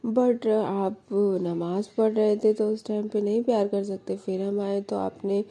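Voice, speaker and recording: A woman voicing a playful young woman in love, coaxing and pouty in a low husky voice. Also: fairly even intonation, a little slow, mellow. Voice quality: pouty, wheedling, childlike when coaxing.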